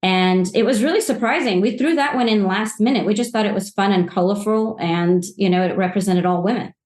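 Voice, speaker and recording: A Polish woman in her forties, a guest from a social media agency, answers podcast questions about social media marketing with rambling enthusiasm and frequent restarts. Her medium-pitched voice is fairly quick and darkish, and the recording has a roomy echo.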